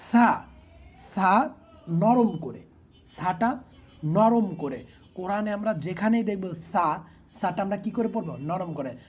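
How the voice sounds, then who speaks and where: A woman teaches a beginners' recitation lesson, slowly sounding out each letter and repeating it. She keeps asking the class how a sound should be read. Her voice is soft and airy, at a middle pitch. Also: husky. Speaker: Quran reading teacher.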